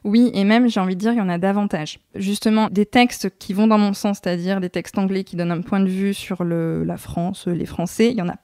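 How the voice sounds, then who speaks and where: A woman's voice: medium pitch, fairly even intonation, fairly quick, few pauses, mellow, dry recording, studio quality. A young adult woman answering as a guest researcher, explaining at length with many thoughtful hesitations.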